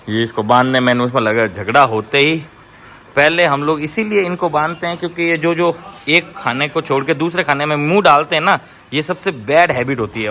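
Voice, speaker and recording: Bright-voiced man commanding dogs. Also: mid-range voice, slight background noise. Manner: commanding and coaxing dogs, often rising sharply. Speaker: dog trainer. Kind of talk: casual commentary to camera. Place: dog hostel yard.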